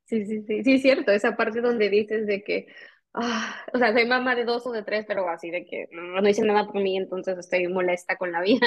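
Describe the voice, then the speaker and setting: A woman's voice: mid-range voice, lo-fi sound. A woman with a Mexican accent, speaking reflectively in a casual chat.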